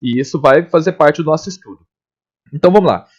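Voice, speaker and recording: A man teaching a recorded grammar lesson, explaining step by step, checking in often and spelling out letters and sounds slowly. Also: fairly high pitch, darkish tone. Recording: dull lo-fi recording.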